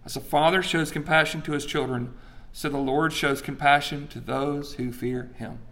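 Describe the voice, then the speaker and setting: A pastor in his forties with a somewhat high male voice, preaching with emphatic storytelling. He often throws questions to the congregation and answers them himself. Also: steady tone, moderate pace, a bit bright. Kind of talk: sermon.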